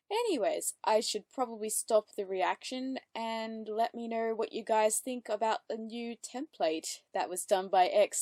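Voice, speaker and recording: In a studio-quality recording without echo, a woman whose voice runs high hosts casual reaction commentary. Giggly and upbeat, she chats freely, filling gaps with fillers and correcting herself along the way.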